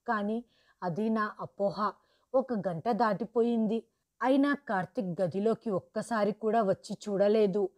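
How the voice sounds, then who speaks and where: A woman storyteller reading a scripted first-person family story in a steady, even delivery. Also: medium pitch.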